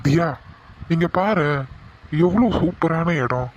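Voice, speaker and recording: A man voicing a playful young husband in an animated cartoon, teasing and coaxing his wife. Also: a little high, slow, highs cut off.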